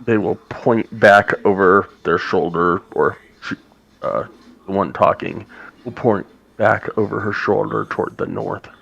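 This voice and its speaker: A man narrating as game master in a tabletop game, halting as he thinks aloud. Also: lowish voice, fairly even intonation, creaky, a bit bright, breathy edge, lo-fi sound.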